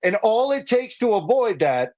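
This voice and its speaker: A man's voice: sits high, sing-song, moderate pace, a little mellow, muffled recording. A man raised in the Dominican Republic, a guest activist speaking passionately and insistently in a political talk. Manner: impassioned, insistent, building emphasis.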